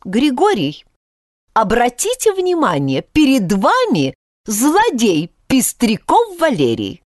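A woman's voice: wildly swooping pitch, takes it slowly, no echo, studio quality, full character voice. A woman voicing a fussy, educated male sparrow who talks in nervous, preachy exclamations in a storybook reading. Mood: indignant. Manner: shrill, indignant exclamations.

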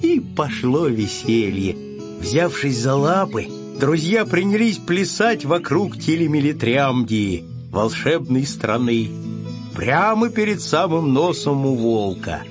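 Storybook narrator, male, slow and lively, dull recording with music under. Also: medium pitch. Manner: slow, expressive reading.

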